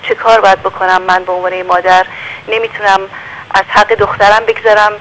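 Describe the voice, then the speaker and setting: A woman's voice: mid-range voice, level tone, a bit bright, a little hiss or hum, low-quality recording. A woman from Iran calling in as a worried mother, speaking hesitantly and mixing in English words. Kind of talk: phone-in call.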